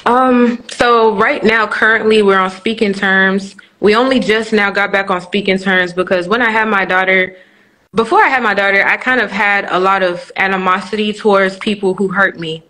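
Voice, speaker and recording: A Nigerian woman in her twenties speaks candidly as a guest on a live-streamed interview, telling her story with many restarts and fillers. Her voice is bright and forceful, medium in pitch, with fairly even intonation and a moderate pace, though the recording is rough.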